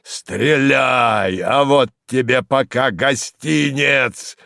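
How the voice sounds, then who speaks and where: A man voicing a wild, hoarse old man who booms and jeers. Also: very slow, sharp tone, no room sound, studio quality, full character voice. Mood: mocking. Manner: booming, mocking.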